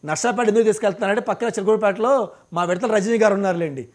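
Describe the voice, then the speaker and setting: Fast, combative high-voiced man. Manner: combative, rapid-fire rhetorical questions. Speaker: debate panelist. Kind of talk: heated political debate.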